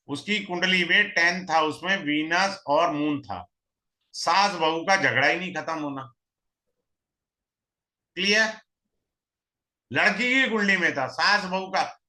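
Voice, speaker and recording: A male astrology teacher gives a recorded lesson in a very bright, sharp, cutting voice. He talks a little high and often quizzes his students with rhetorical questions before answering them himself. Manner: mixes in English terms and repeats key phrases. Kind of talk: recorded online lesson, explaining step by step.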